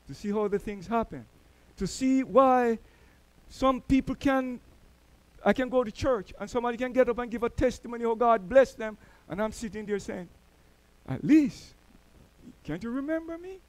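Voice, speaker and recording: Preaching as a church elder, this middle-aged man from Jamaica tells stories in a Jamaican accent and gets louder on important words. His very high-pitched voice has lively intonation, moves at a normal speed, and pauses often. The recording is rough.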